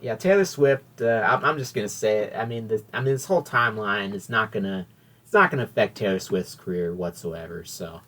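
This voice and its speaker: A man's voice: lowish voice, a little fast, bright, forceful tone. A man hosting a casual solo podcast, rambling and correcting himself as he talks. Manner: rambling, self-correcting, chatty. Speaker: podcast host.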